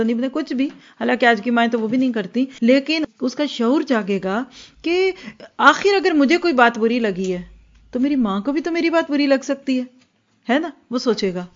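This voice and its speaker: A woman giving an earnest religious lecture that explains each point and slips English words into her speech. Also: a little high. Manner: earnest, explanatory, acts out quoted dialogue. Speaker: religious teacher. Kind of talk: Islamic lecture. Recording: dull lo-fi recording.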